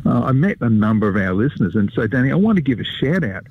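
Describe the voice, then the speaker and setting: Husky Australian man telling history. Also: mid-range voice, big pitch swings, fast, no echo, narrow, tinny audio. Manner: chatty, leisurely storytelling with asides to the host. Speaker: history storyteller, regular guest. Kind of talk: live radio storytelling.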